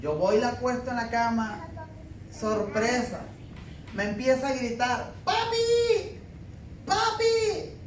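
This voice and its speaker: A man's voice: very high voice, a little slow. A man preaching a sermon with emphatic swells and wry, down-to-earth asides. He is picked up from some distance in a reverberant church hall, with a faint hiss behind him. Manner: emphatic preaching mixed with homey humor and anecdotes. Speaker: pastor. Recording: echoey room, mic at a distance, faint background noise.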